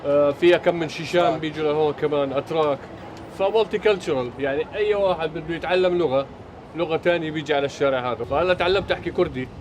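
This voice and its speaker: A man's voice: fairly high pitch, rapid-fire. A man giving a street interview at a café, explaining things in an easygoing way. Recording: street noise behind the voice.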